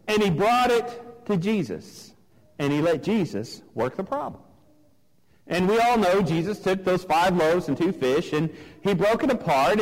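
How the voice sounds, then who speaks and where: A man's voice: sits high, long reverb tail, poor audio. A man preaching a sermon to his congregation in an emphatic, repetitive cadence. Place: church sanctuary.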